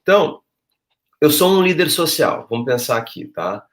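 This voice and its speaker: Man guest, emphatic, animated with quotes. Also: fairly high pitch, normal speed. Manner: emphatic, acts out quoted thoughts. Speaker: guest, social project leader. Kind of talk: conversational discussion.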